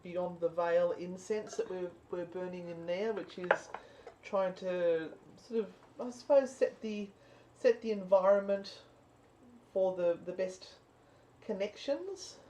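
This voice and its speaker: A woman's voice: fairly low pitch, slow, warm tone, dull audio. Woman co-hosting a casual live stream. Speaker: co-host of a live spirit box stream.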